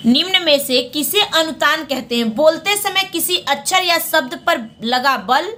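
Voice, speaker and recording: A woman teaching a Hindi exam lesson, going through questions and repeating each answer back as a quick question and reply. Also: sits high, bright, forceful tone.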